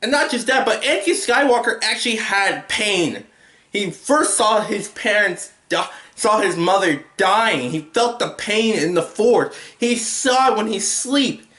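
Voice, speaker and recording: A man's voice: high voice, animated, unhurried, pushed and bright, roomy sound. A young man giving a casual, rambling movie review at home, full of restarts and filler words. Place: home room with a TV.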